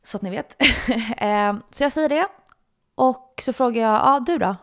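A young woman with a Stockholm accent, telling a personal story on her podcast, acting out quotes and breaking into laughter. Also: fairly high pitch. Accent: Stockholm Swedish. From Sweden. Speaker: podcast host.

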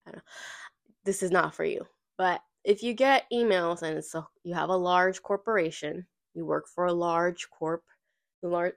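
A woman's voice: on the low side, vocal fry. A woman hosting a podcast in casual, blunt, emphatic and slangy talk, her voice nasal and congested from being sick. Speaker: podcast host.

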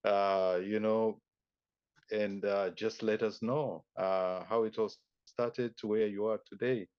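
A man's voice: on the low side, fairly even intonation, takes it slowly, clear, resonant tone, no room sound. A man hosting a podcast interview, asking his guests questions with many ums and uhs. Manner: hesitant, filler-heavy, welcoming. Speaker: podcast host. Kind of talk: interview conversation. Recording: dull, dry sound.

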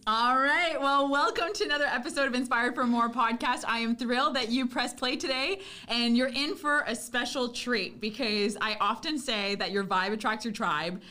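A woman's voice: fairly high pitch, bright, forceful tone. A woman hosting a podcast interview, bubbly and effusive, laughing often as she talks. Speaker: podcast host.

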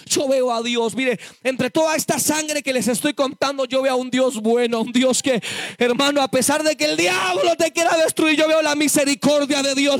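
A man giving an impassioned testimony sermon to a church congregation, addressing them as brothers and rising to shouted exhortation. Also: very high-pitched, no echo, clean studio sound. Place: church service before a congregation.

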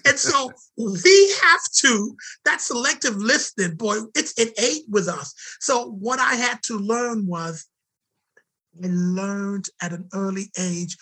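Man with a high husky voice, animated emphatic storytelling. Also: takes it slowly, rough recording. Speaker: guest. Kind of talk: storytelling in conversation.

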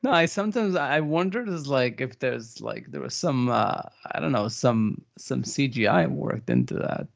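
Man, podcast co-host, gravelly voice, dry sound, casual rambling chat, frequent laughter. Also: medium pitch, sing-song, normal speed, hardly any pauses, dry recording. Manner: laughs often, rambling with many fillers.

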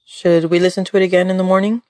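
A woman's voice: lowish voice, little pitch movement, fast talker, darkish tone, no room sound, lightly acted. A woman voicing a playful, smug male gangster with a needling manner in an audio drama story. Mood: smug teasing.

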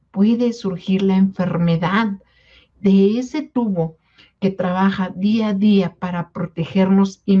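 Coaxing woman with a mellow voice. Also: mid-range voice, muffled recording. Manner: coaxing, repeats "¿sí?" to check in with listeners. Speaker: wellness product presenter. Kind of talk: informal health talk to distributors.

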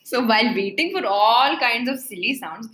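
A woman co-hosting a casual podcast from home, her slightly high voice ringing in an echoey room. She chats easily and laughs readily. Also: expressive, fairly bright tone. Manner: chatty, quick to laugh. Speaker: podcast co-host. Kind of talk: casual chat.

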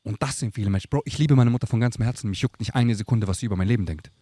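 A man's voice: on the low side, rapid-fire, dark tone, slightly rough, no echo. A young man talking as a podcast guest in a casual, emphatic chat full of street slang, recorded outdoors at dusk. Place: outdoors on a tropical island at dusk.

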